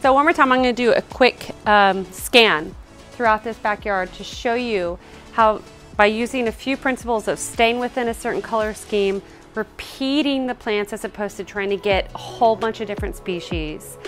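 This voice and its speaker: A woman's voice: on the high side, normal speed, fairly bright tone, soft background music. A woman, giving a casual, upbeat garden tour outdoors and explaining as she walks, recorded on a handheld camera. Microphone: handheld camera, selfie framing.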